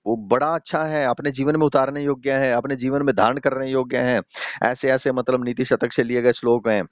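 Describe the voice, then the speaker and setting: A man's voice: medium pitch, no room sound, lo-fi sound. Man teaching a Sanskrit lesson online. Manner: explains slowly, often checks in with "ठीक है"; addresses students directly, asks questions.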